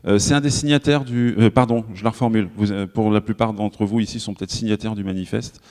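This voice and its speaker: A man with a French accent speaking at a conference, chatty and full of fillers and quick self-corrections. His voice sits fairly low, and it rings out with the long reverb of a large hall. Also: fairly even intonation, darkish tone. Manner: conversational, many fillers and self-corrections, addresses the audience directly. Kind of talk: live conference talk.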